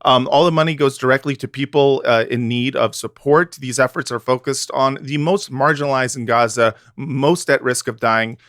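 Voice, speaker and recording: Male comic podcast co-host, mid-pitched, rambling banter, dry close mic. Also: moderate pace, few pauses, fairly bright tone, no room sound. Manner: joking, rambling with fillers. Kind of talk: casual comedic podcast chat.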